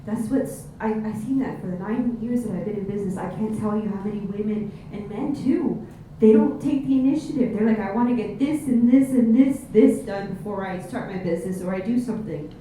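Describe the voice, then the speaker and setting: A woman's voice: medium pitch, a little fast, mellow. A woman with a Miami accent giving direct, motivational advice as a panelist. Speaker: panelist, business owner. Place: panel event room with an audience. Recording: echoey room, distant mic, faint noise.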